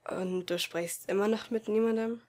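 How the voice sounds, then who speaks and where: A caring teenage boy speaks softly and falters as he hunts for words, read by a woman in a storybook audiobook. His voice stays low and uncertain, full of concern for his friend. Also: fairly even intonation, moderate pace, natural voice. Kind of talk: amateur audiobook reading.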